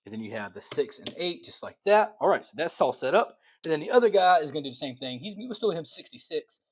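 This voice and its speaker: Calling rolls in dealer fashion, this excitable man hosts a craps channel and walks viewers through strategy in a casual table-game demo, chatting with them as he goes. His voice is on the high side, quick and breathy, and he sounds out of breath.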